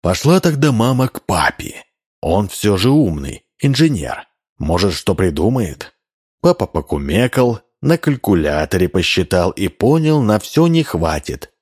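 Man, husky voice, low pitch, lively intonation, animated storytelling, children's story. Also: unhurried. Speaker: narrator.

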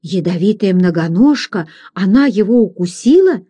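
A woman reading aloud, voicing an anxious young gentleman who keeps asking worried questions. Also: mid-range voice, lively intonation, normal speed, husky.

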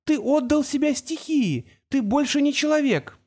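A man voicing a frightened young girl apprentice, shrill and desperate. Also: animated, normal speed, a little mellow. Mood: frantic. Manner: shrill, desperate, near tears.

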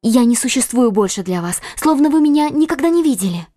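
A woman's voice: on the high side, lively intonation, a little fast, mellow, no echo, clean studio sound. Woman playing a secretive frightened young woman. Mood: pleading. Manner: pleading, evasive. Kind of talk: audiobook acting.

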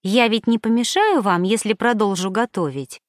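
A cheerful, stubborn young noble lady in a storybook, as a woman narrator reads her. She talks brightly with a light tease, in a mid-pitched voice. The recording is close and dry. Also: moderate pace, no echo, natural voice.

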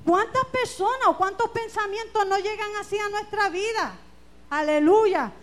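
A woman preaching a fervent church sermon, calling out hallelujahs and shouting scripture. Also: very high-pitched, normal speed. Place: church sanctuary.

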